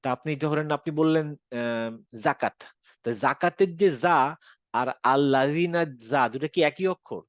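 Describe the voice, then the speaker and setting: Man with a Bangladeshi Bengali accent, patient online Quran teacher, slightly high voice, dry sound. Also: moderate pace, clean tone, no room sound. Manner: explains patiently, mixes English phrases into Bengali. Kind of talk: online class lecture.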